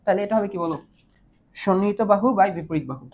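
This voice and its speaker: A woman's voice: mid-range voice, quick pace, darkish tone. Patient woman teaching math. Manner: patient, keeps checking understanding with questions; mixes English math terms into her speech. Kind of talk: online math lesson.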